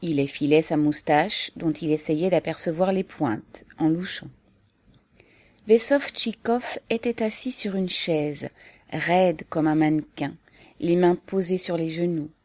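A woman narrating a novel as an audiobook reader, in a calm, even and measured way. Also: low voice, no room sound.

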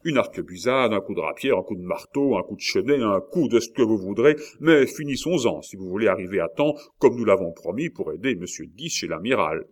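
A man voicing a zealous, fanatical male killer who talks loud and urgent. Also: on the low side, animated, brisk, few pauses. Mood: fervent urgent.

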